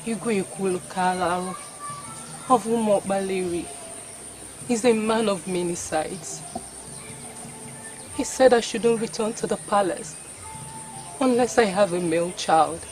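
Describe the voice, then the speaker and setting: A woman's voice: mid-range voice, unhurried, long pauses, a little mellow, close to an everyday voice. A woman with a Nigerian accent playing an earnest, pleading queen in a film drama, with formal phrasing. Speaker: actor. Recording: prominent film music behind the voice. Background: music.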